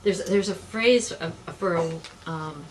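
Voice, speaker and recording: A middle-aged woman with a lowish voice speaks a little slowly, and the low-quality recording has slight background noise. She's an extension director interviewing a guest in a small, cluttered office, casual, effusive, enthusiastic and laughing often.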